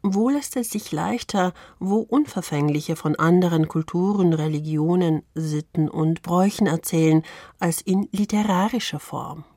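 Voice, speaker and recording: A woman presenting a radio culture program in a measured, formal reading style. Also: fairly low pitch, dark tone, dry recording. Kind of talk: scripted radio moderation.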